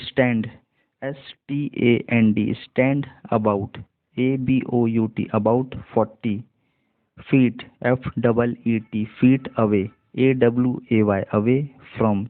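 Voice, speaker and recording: Man, Hindi accent, English reading teacher, spells every word letter by letter, very slow pace, thin phone-like audio. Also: medium pitch, dry recording. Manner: reads each word, spells it letter by letter, then repeats it. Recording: dry, tinny phone-like sound.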